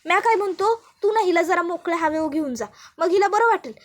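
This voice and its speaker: A woman's voice: extremely high pitch, fast. A woman voicing a scheming older matriarch who gives orders in a sly, commanding way.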